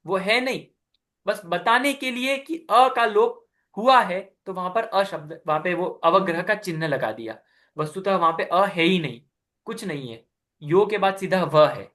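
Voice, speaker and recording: A male teacher leads an online class, walking his students through each point patiently and repeating the key terms. His voice sits a little higher than most men's. He stops often to quiz them and praise their replies. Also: fairly bright tone. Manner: patient, asks students questions and praises answers. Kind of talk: online class explaining scripture recitation.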